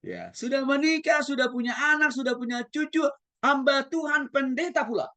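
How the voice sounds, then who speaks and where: A man who is a pastor, lecturing at a Bible school in an animated way and often addressing his listeners directly. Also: extremely high pitch, normal speed. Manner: animated, demonstrates tones of voice, addresses the audience often. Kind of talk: theology lecture.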